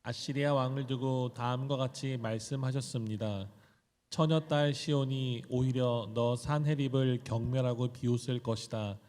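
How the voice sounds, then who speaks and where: A man reading scripture aloud in a church service with steady, even recitation. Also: medium pitch, normal speed, big-room sound. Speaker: scripture reader.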